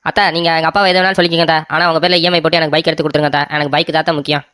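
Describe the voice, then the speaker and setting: A voice actor playing a greedy young brother-in-law in an animated story, wheedling and demanding a bike. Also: mid-range voice, rapid-fire, clear, resonant tone, no echo, studio quality, close to an everyday voice.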